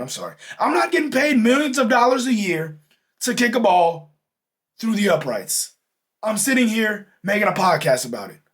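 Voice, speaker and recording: A young man hosting a podcast, ranting in a heated, exasperated way about a football game and straining a voice he says is going hoarse. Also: sits high, a bit bright. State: losing his voice. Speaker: podcast host. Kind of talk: animated sports reaction rant.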